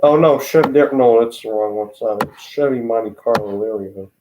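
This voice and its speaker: A teenage boy from Michigan talks with an Upper Midwest American accent. He hosts a loose, rambling vlog and keeps interrupting himself, filling the gaps with filler words. His pitch sits right in the middle of the range for a young man. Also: brisk, background noise. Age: teens. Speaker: racing channel host. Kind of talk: casual rambling vlog talk.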